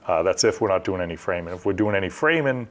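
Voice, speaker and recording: Fast-talking deep-voiced contractor explaining steps. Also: male voice, expressive. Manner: practical, step-by-step, conversational with fillers. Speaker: construction company owner, guest. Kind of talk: explanatory interview talk. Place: TV studio set.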